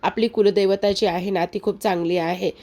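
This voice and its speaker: Brief: pious older uncle, read by a woman; calm, steady reassurance. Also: mid-range voice, moderate pace, close to an everyday voice. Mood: comforting. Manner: calm, comforting.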